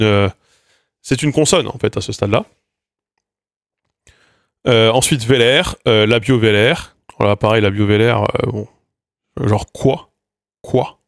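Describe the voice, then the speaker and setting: A man's voice: medium pitch, no echo, studio quality. A man giving a casual phonetics lesson on stream, hesitant with many fillers and restarts, sounding out consonants as he explains them. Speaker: linguistics streamer.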